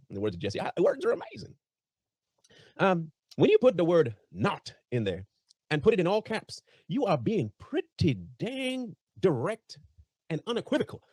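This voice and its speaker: A man's voice: medium pitch, slightly rough, no echo, studio quality. A man giving casual commentary in a playful, mocking, emphatic way. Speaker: online commentary host.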